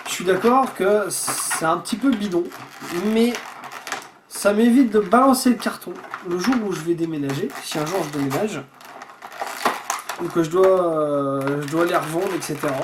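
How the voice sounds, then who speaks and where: Against a noisy background, a high-voiced man unboxes a subscription box at home while chatting casually. He rambles, swears freely, and keeps restarting his sentences.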